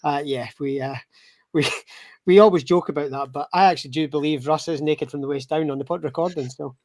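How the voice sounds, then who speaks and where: A man's voice: fairly high pitch, steady tone, fairly quick, a little mellow, no echo. A Scottish man in his thirties, guest-hosting a casual podcast chat, joking and rambling with lots of fillers. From Scotland. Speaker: guest host.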